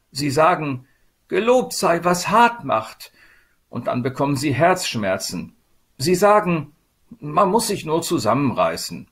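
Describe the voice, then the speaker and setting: A man's voice: mid-range voice, fairly bright tone, breathy edge, voice pushed up. A man voicing a small, sorrowful female spirit of sadness in a storybook reading, with a plaintive, lamenting manner.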